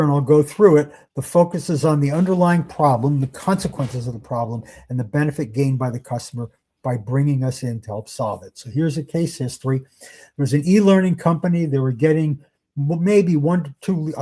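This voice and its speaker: A man's voice: a little high, dark tone. A man leading a sales workshop in a conversational, emphatic way, asking his listeners rhetorical questions. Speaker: sales trainer. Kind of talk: workshop presentation.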